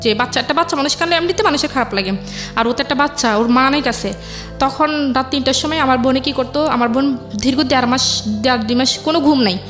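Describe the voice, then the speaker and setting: Over faint music, a high-voiced young woman with a Bangladeshi accent recounts her personal story conversationally as an interview guest. She talks quickly in colloquial dialect forms, repeats phrases, and quotes her family.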